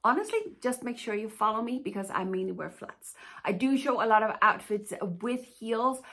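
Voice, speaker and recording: A Danish-born plus-size fashion stylist and YouTuber answers viewer questions in a casual Q&A vlog, chatty and reassuring, often saying "to be honest with you." Her voice is fairly high and fairly bright, at normal speed.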